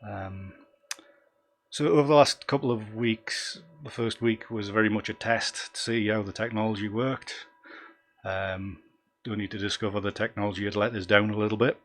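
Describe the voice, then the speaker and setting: A man's voice: on the low side, steady tone, moderate pace. A man with a Northumbrian accent hosting a casual live stream, talking in a rambling, self-deprecating and easily sidetracked way. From Northumberland, England. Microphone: desktop microphone.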